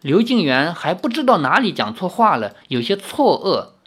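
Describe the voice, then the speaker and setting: A narrator reading a martial-arts novel aloud in an animated storytelling manner. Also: medium pitch, normal speed, slightly rough. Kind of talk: audiobook reading of a wuxia novel.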